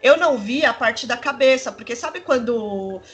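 Brief: woman, 30s, fairly high voice, rambling anecdote-teller in casual chat. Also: normal speed, husky. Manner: rambling, animated storytelling with many fillers. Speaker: storyteller in a conversation.

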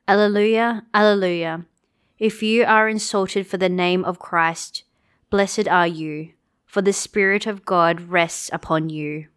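A woman reading scripture as a lector in a solemn, measured liturgical style. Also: on the low side, steady tone, fairly bright tone, clean tone.

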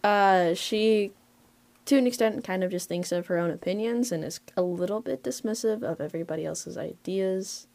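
Interviewed informally about her character, a woman voice actor sounds tentative, putting her ideas together as she talks. Her voice is mid-range and darkish, at an average pace.

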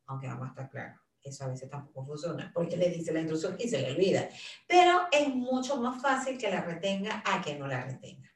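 A middle-aged woman with a low, fairly quick voice talks casually about caring for her father, sharing caregiving advice. She tells stories animatedly, acting out quotes from her father and herself. The room echoes and she's a bit far from the mic.

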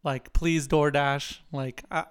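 A young man with a smooth, resonant voice, pitched a touch higher than most men. He chats casually and jokes around with a friend, telling stories with playful exaggeration. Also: slow. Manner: joking, animated storyteller who puts on a squeaky kid voice. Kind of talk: casual chat.

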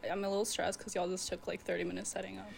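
A 21-year-old woman and college student, a podcast guest, talking in a relaxed way with lots of fillers. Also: medium pitch, very fast, creaky, crowd noise. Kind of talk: casual chat.

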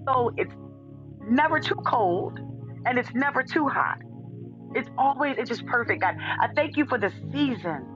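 A woman's voice: high-pitched, lively intonation, normal speed, dull audio, music in the background. A middle-aged woman leading a spoken morning prayer, fervent and full of repeated refrains of "oh God". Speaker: prayer leader.

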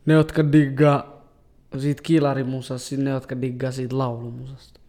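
Young man chatting in slang. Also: mid-range voice. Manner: relaxed slangy talk. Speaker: guest rapper. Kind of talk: casual podcast chat.

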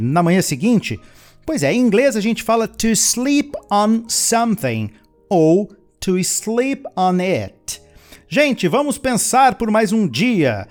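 Lively high-voiced man teaching English. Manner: switches between chatty explanations and slow, careful model sentences; playful asides to the learners. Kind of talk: language lesson with repeat-after-me drills.

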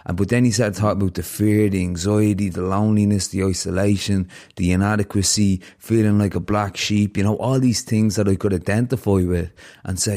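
A podcast host with a low, dark voice reflects earnestly with his guest. He speaks from the heart and tells a long parable as part of their conversation.

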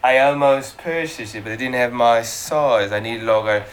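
A man's voice: medium pitch, moderate pace. Upbeat male panel-show host. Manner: upbeat, rambling with fillers. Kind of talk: casual panel chat.

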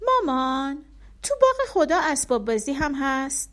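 Casting: a woman doing a curious small boy, high and wide-eyed, eager and questioning, storybook reading. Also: very animated, a bit bright. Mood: childlike. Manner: eager, questioning child talk.

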